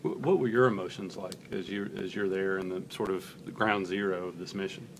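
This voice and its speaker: A man's voice: low-pitched, fairly quick, background noise. A man interviewing a guest in a casual live-stream chat, asking light, playful questions.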